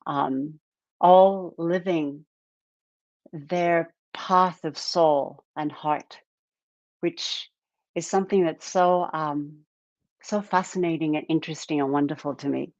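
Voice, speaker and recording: Slow low-voiced woman hosting a live stream. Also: no echo. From Japan. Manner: unhurried, warm-toned, many fillers and repeated words. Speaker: live stream podcast host. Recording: dull lo-fi dry sound.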